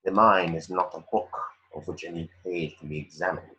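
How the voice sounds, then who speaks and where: A man voices a disdainful wizard professor for a fantasy script read, his very low voice formal, clipped, condescending and icy. He delivers a stern lecture at a fairly quick pace in a steady, bright, forceful tone, and the recording's highs are cut off.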